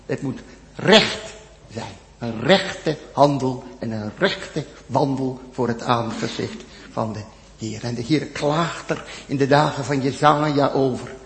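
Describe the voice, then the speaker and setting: A man preaching a sermon to his congregation, repeating phrases with emphasis, swinging from loud peaks to near-whispered drops. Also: mid-range voice, slow pace, in a large hall, slight background noise. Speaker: pastor.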